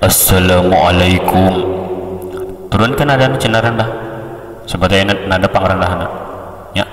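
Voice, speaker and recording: A man with a Sundanese accent giving a slow, unhurried, casual tutorial on how to deliver a sermon. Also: lowish voice, a bit bright, long reverb tail, distant mic. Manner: slow, unhurried, with many pauses. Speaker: speech coach.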